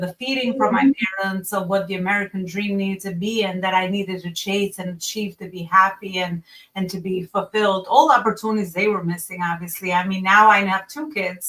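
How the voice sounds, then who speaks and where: A woman's voice: medium pitch, fairly bright tone, recorded from a distance, rough recording. A woman in her forties from Albania, telling her story as a podcast guest in an earnest, reflective way, with many fillers and restarts.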